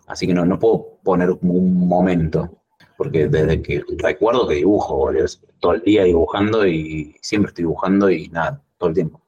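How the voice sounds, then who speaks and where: An Argentine man chatting casually as a podcast guest, rambling and animated as he tells stories. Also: a little fast, breathy edge, muffled recording. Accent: Argentine Spanish. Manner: rambling storyteller, animated when recounting, lively pitch jumps. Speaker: guest cartoonist.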